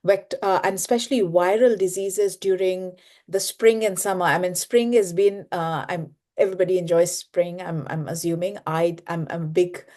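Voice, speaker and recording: A woman's voice: lowish voice, steady tone, moderate pace, darkish tone. A woman from South India, giving hesitant panel remarks on a video call, full of fillers.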